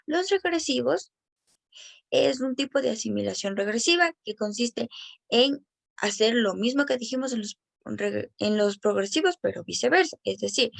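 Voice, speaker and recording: Woman explaining speech development, gravelly tone. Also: a little high, no room sound. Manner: careful, explanatory, slows down on example words. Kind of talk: reading an educational presentation.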